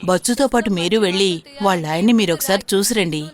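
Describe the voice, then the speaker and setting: A woman's voice: mid-range voice, fast talker, crowd noise, close to an everyday voice. An actress playing a worried, fussing middle-aged mother in dubbed film dialogue. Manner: worried, insistent.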